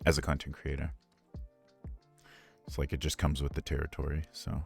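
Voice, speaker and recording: A man's voice: a bass voice, completely flat delivery, moderate pace, vocal fry, faint music behind. A man who streams and voices ASMR, talking candidly and earnestly in a casual live Q&A, rambling with frequent asides.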